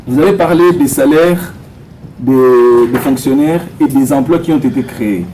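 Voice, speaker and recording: Man pressing pointed questions, mellow voice. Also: medium pitch, moderate pace, slight background noise, poor audio. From Democratic Republic of the Congo. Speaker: soldier asking questions at a public meeting. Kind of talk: public questioning at a community meeting.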